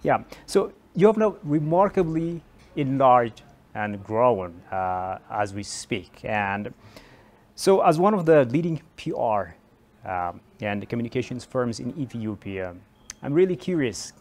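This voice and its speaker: A TV talk show host conducts a broadcast interview, asking long questions riddled with fillers and restarts. His medium-pitched voice has big pitch swings, a measured pace, and a slightly mellow quality.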